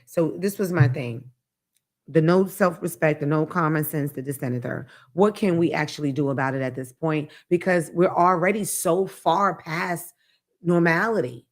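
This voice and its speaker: Blunt, profane woman host. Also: low voice. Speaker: podcast host. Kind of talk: casual monologue.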